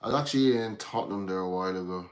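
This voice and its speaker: Hosting a casual livestream, a Dublin man rambles and gets distracted while chatting with his viewers. His Irish voice is fairly low in pitch and he talks at a racing speed.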